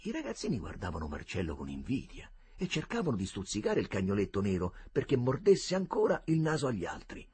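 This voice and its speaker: A man reading a novel aloud as an audiobook narrator, in a steady storytelling delivery. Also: fairly low pitch, brisk, few pauses, slightly rough. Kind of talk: scripted narration.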